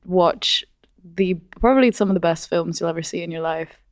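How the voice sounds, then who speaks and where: Woman, 20, from Indonesia; podcast co-host, lowish voice, dry close recording, bubbly casual chat. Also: brisk, clear, resonant tone, dry recording. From Jakarta, Indonesia. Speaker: podcast co-host, cinema staff member.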